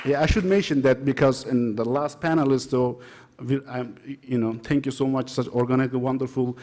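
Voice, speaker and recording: Mellow-voiced Kurdish-accented man presenting. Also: mid-range voice, fairly even intonation, a faint crowd, a little hiss or hum. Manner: halting, non-native English phrasing. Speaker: academic conference presenter. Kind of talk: informal conference presentation with personal anecdotes.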